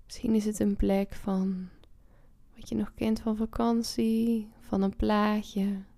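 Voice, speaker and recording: Soft, slow-spoken woman guiding a meditation. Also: medium pitch, flat delivery, gravelly, dry recording. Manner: slow, soft and soothing, with long pauses and drifting into whispers. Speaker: meditation guide. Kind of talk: guided relaxation meditation.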